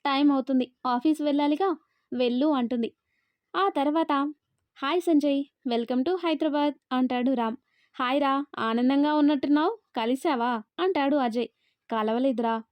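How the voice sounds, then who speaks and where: A woman narrating a love story and reading every character's lines in one steady, quick delivery. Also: sits high, no echo, dull audio. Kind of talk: scripted narration of a love story, all parts read by one voice.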